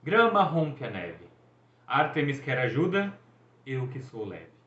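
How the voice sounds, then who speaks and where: Playing a brash young male sun god, a man boasts and teases with showy high spirits. He speaks slowly in a sing-song, fairly bright tone, and the room recording is echoey and dull.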